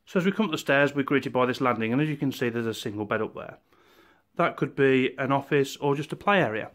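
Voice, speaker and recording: An English estate agent in his forties guides a property tour, pointing out each room steadily and informatively. He speaks at a medium pitch and a quick pace.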